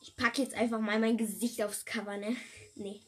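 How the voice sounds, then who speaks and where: A woman giving casual, chatty let's-play commentary to her viewers, excitable and joking, sometimes dropping to a whisper. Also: on the high side, moderate pace, husky. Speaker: gaming video creator.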